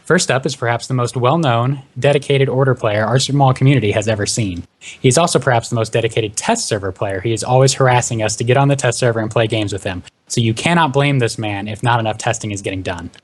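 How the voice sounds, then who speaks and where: A man hosting a gaming podcast panel, introducing guests with brisk, upbeat patter. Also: mid-range voice. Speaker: podcast host. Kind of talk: hosted panel discussion.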